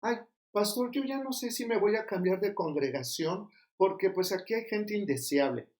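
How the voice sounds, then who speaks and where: A man's voice: high-pitched, moderate pace, darkish tone, pitched above the performer's own voice, close to an everyday voice. A man voicing a whiny, self-pitying grown man who keeps complaining. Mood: whining. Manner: whining, complaining.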